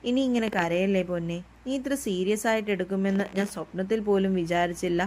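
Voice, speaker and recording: A woman's voice: mid-range voice, fairly even intonation, fairly quick, a little mellow, slight background noise, lightly acted. A woman voicing a playful, sulky young man in a storybook romance, teasing and coaxing his beloved. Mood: soothing.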